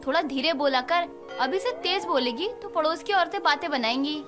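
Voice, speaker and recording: A woman's voice: high-pitched, lively intonation, normal speed. A woman voicing a fretful mother-in-law. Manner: scolding, worried. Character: quiet, fretful middle-aged mother-in-law. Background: background music.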